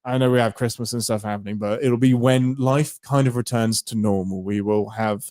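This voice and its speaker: A man's voice: medium pitch, steady tone, normal speed, a little mellow. A young man with an English accent co-hosting a live podcast, playful and teasing. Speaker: podcast co-host. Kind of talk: casual live-stream chat.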